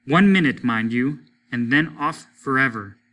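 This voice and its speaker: A man's voice: mid-range voice, lively intonation, measured pace, sharp tone. A man voicing a stern, fed-up middle-aged father who speaks in a firm, exasperated and decisive way.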